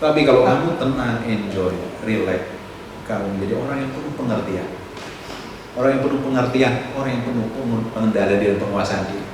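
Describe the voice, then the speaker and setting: A man, a pastor preaching a sermon, swinging from loud exhortation to soft asides. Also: mid-range voice, fairly quick. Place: church hall. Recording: echoey church hall, distant mic, noisy room.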